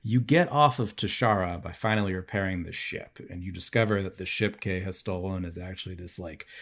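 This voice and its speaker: Low-voiced man, joking podcast co-host. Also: fairly bright tone. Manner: loose, joking retelling with frequent laughs. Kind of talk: casual chat.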